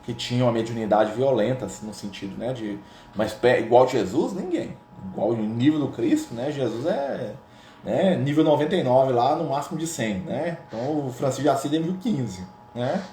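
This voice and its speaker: Mellow Brazilian man teaching in a roomy space. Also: mid-range voice, animated, normal speed, a little hiss or hum. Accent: Brazilian Portuguese. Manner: conversational, often ends phrases with tag questions. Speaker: gospel study leader. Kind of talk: informal spiritual teaching. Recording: roomy echo.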